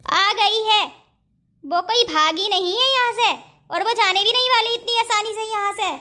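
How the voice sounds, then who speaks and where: A grumbling, stern mother-in-law from a cartoon story, as a woman acts her. She sounds worried and grumpy. The pitch runs very high. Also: moderate pace, sharp tone.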